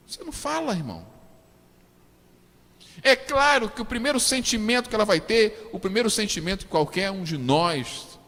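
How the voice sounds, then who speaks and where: High-voiced Brazilian pastor preaching. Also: male voice, animated, normal speed, long pauses, big-room sound. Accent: Brazilian Portuguese. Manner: swings from quiet low asides to loud high outbursts; acts out quoted voices of suffering people. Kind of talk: sermon. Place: church.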